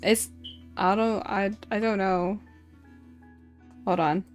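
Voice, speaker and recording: A woman's voice: medium pitch, steady tone, takes it slowly, soft background music. A woman streamer reading quiz questions aloud in casual chat, playful and mock-indignant, swearing casually.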